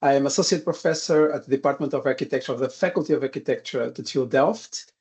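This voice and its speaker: A man's voice: medium pitch, fast, darkish tone. A man, an associate professor, introducing himself politely and formally on a video call. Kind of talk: self-introduction.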